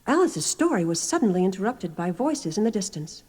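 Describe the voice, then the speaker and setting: A woman's voice: medium pitch, very animated, brisk, a little mellow, slightly rough. A woman reading scripted storybook narration on an album. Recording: noisy album recording.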